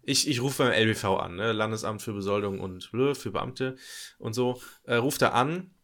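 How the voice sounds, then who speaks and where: Young man telling a story, animated. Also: lowish voice. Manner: animated storyteller, acting out phone calls in quick voices. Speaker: podcast co-host. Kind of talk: casual chat, storytelling.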